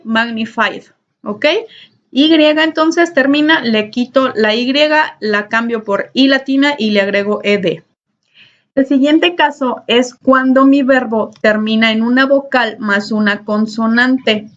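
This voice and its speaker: A woman with a bright, high-leaning voice teaches an online English grammar class, patient and repetitive, checking in often. It's a recorded lesson with dull, lo-fi sound.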